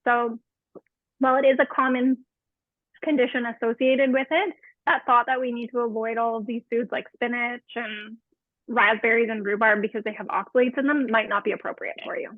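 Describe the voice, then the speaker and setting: A woman's voice: a little high, fairly even intonation, brisk, no room sound. A woman in her thirties, a dietitian, explaining nutrition in a friendly way with many fillers during a live webinar cooking demo. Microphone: remote webinar call. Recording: tinny phone-like webinar audio.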